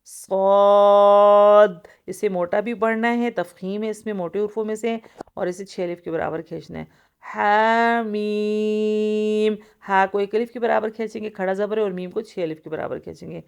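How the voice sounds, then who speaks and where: Woman, Quran recitation teacher, smooth clear voice, patient step-by-step explanation, long drawn-out letters. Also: medium pitch, a little mellow. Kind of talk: tajweed lesson, explaining and reciting.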